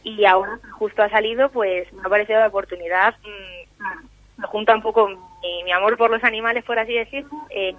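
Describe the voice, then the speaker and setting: A woman's voice: medium pitch, steady tone, brisk, no echo. A young woman in her twenties, a phone-in guest on a radio show, talking hesitantly with many fillers and restarts. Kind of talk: casual radio interview over the phone. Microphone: telephone. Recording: muffled phone line.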